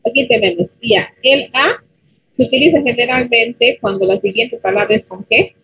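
A woman's voice: fairly high pitch, a bit bright, slightly rough, low-quality recording. Spanish-speaking woman teaching basic English online. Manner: explains in Spanish, models English words slowly, checks with students.

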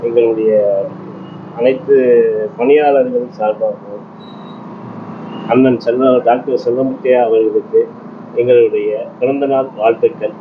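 A man who is a temple priest, offering slow, measured and formal birthday greetings. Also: mid-range voice, steady tone. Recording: tinny, distant and noisy.

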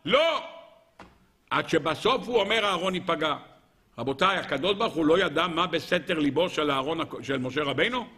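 A man, a rabbi, giving a Torah lecture in an animated way, asking rhetorical questions and speaking directly to his listeners. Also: on the high side.

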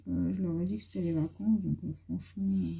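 Dark husky gravelly-voiced woman chatting. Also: lowish voice, steady tone, quick pace. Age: adult with a young son. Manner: chatty, rambling, many fillers. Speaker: YouTuber coloring on camera. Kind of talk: casual chat while coloring. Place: at home indoors.

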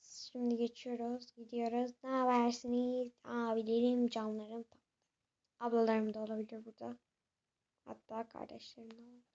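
A woman's voice: fairly high pitch, monotone, a little fast, creaky, mellow, highs cut off. A young woman hosting a horror game let's-play, chatting with viewers and jumping at scares. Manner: chatty, jumpy, talks to viewers. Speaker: gaming channel host.

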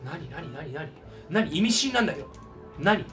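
A man giving excitable gameplay commentary with loud, shouted reactions. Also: on the high side, moderate pace, distant mic, soft background music. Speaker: gaming YouTuber.

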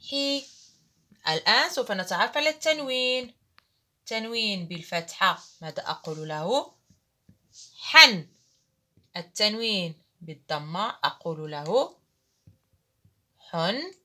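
A woman teaching Arabic writing to children, slowly calling out each syllable and praising often. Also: on the low side. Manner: slow, deliberate, calls out each syllable loudly.

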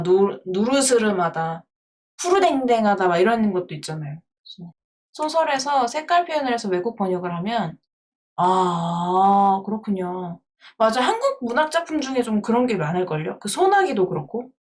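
A woman chatting casually on a livestream, playful and giggly as she talks to her viewers. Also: fairly high pitch. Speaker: live streamer.

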